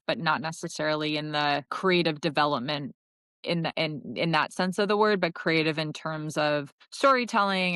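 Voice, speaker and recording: A woman's voice: low-pitched, fairly bright tone, clear, resonant tone, no room sound. A middle-aged woman from Connecticut, a marketing executive, answering interview questions in a thoughtful, self-correcting way. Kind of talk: casual interview talk.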